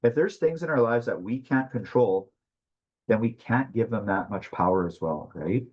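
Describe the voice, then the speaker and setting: A man presenting a mental health webinar in a conversational teaching style, talking fast and often checking in with "right?". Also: fairly low pitch, expressive, husky, highs cut off.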